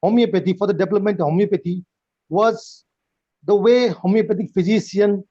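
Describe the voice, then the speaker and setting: Nepali man, high mellow voice, formal measured speaker, dull dry call audio. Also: steady tone, no echo. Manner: measured, formal, starts phrases with "well". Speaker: guest speaker. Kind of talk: prepared talk on a video call. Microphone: video call.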